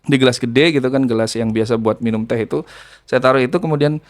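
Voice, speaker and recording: A man's voice: medium pitch, quick pace. A man telling a ruqyah healing story in casual storytelling, acting out the voices of the people in it.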